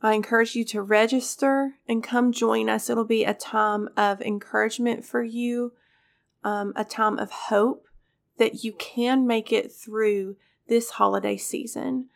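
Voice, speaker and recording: Congested, gravelly woman host. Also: fairly high pitch, fairly even intonation, unhurried. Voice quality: scratchy. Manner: earnest, encouraging. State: congested, getting over a cold. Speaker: podcast host. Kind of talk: faith-based podcast talk.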